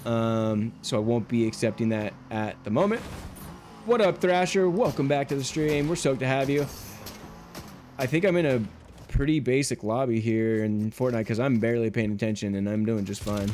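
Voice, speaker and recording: Man, livestream headset mic audio, casual gaming chat, rambling with fillers, middle pitch, faint background hiss. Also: normal speed, a little mellow. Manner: laid-back, rambling, many fillers. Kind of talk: casual gameplay chat with viewers.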